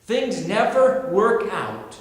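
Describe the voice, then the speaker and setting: A male pastor delivers a sermon in a measured, unhurried way, his voice a touch higher than most men's. He retells scripture with earnest rhetorical questions. The sound rings around a large church hall with a long reverb. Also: big pitch swings. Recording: echoey hall.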